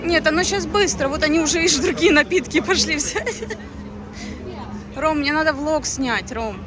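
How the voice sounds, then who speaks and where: A woman's voice: high voice, moderate pace, crowd noise, rough recording. A woman in her thirties vlogging casually outdoors, musing aloud and rambling with fillers and restarts. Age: 30s. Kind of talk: casual walking vlog chat. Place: outdoors on a city street. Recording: street traffic noise behind.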